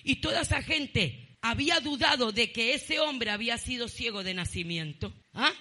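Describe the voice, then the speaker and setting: A woman pastor preaching a fervent sermon to her congregation. She keeps breaking in with praise and sometimes rises to a shout. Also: a little high, expressive, normal speed. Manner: fervent preaching, often repeating "gloria a Dios", with shouted bursts.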